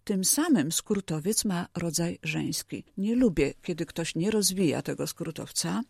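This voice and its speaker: A woman's voice: lowish voice, lively intonation, measured pace, gravelly, a little mellow, breathy edge, no echo, clean studio sound. A woman professor of language explaining usage rules on a radio programme in a precise, lecturing manner. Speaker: language expert guest. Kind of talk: radio language advice chat.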